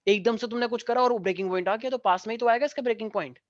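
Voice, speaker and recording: A male physics teacher, teaching a class online, who mixes jokey stories into the lesson and dictates notes slowly. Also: high-pitched, no echo. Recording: dry, dull lo-fi sound.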